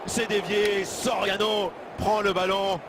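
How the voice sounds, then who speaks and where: A man giving excited play-by-play football commentary in short clipped phrases, raising his voice to a shout. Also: high voice, slow pace. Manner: shouts on goals and chances, short clipped phrases naming players. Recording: clear background noise.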